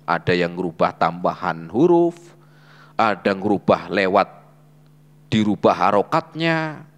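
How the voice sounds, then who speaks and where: A man giving an Islamic study lecture as a religious teacher, preaching in a lively way, asking rhetorical questions and dropping frequent short fillers. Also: mid-range voice.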